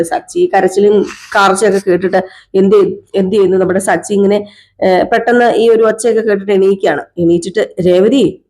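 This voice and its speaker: A woman's voice: mid-range voice, a little mellow. A woman casually retelling a TV serial episode in a chatty storytelling way, talking straight to her viewers. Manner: chatty, addresses viewers with tag words. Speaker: serial recap vlogger.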